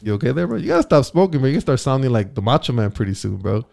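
A man's voice: mid-range voice, big pitch swings, creaky, a little mellow. A man chatting casually, swearing often and calling his friend "bro", with frequent restarts. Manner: profane, slangy, says "bro" a lot; halting, restarts phrases. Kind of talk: casual chat.

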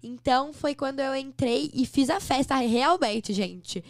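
A woman from Brazil, a podcast guest, telling stories in an animated, chatty way. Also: high voice, unhurried, dry recording, clean studio sound. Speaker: interview guest. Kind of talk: casual chat.

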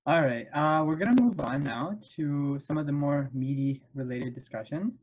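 A man hosting a casual podcast chat over a video call, telling stories with quick asides. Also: a little high, lo-fi sound, background noise. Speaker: podcast host.

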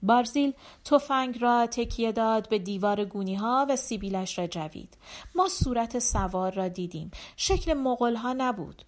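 A woman reading a short story aloud as an audiobook narrator, in measured scripted narration that slows on the refrains. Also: on the high side.

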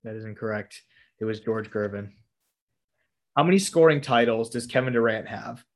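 A man's voice: fairly low pitch, moderate pace. A young man hosting a casual chat, reading quiz questions and options aloud, swearing casually and laughing often.

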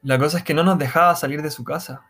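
A man telling his own paranormal experience in a relaxed, halting, casual way, full of restarts and slang. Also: fairly high pitch, soft background music. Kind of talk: casual first-person storytelling.

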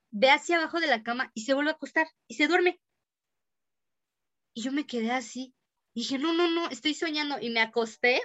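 A young woman with a Mexican accent, chatting casually and telling a story, acting out what people said. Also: high-pitched. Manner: lively storyteller acting out quoted speech.

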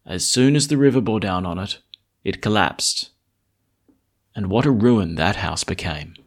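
Male priest for Mass readings and informal homily, measured, plain-spoken delivery in church. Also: fairly low pitch, animated.

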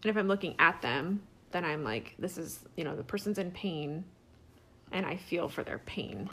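A woman's voice: fairly low pitch, moderate pace, a bit bright, husky. A middle-aged woman co-hosting a podcast, chatting casually and trailing off mid-thought. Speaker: podcast co-host. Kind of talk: casual chat.

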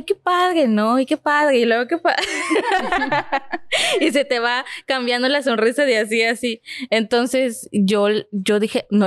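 A woman's voice: on the high side, no room sound, clean studio sound. Mexican woman therapist telling anecdotes. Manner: explains with personal anecdotes, acts out quoted feelings. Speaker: guest psychologist and family therapist. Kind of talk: conversational podcast talk.

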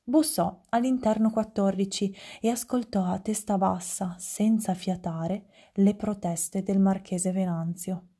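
Dark-voiced woman reading a story. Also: mid-range voice, a little slow, few pauses, breathy edge. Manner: lively storytelling with small stumbles. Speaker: narrator. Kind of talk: reading a children's story aloud.

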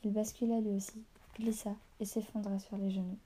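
A woman reading a novel aloud in a soft, half-whispered voice, stopping now and then to correct small slips. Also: mid-range voice, level tone, a little fast.

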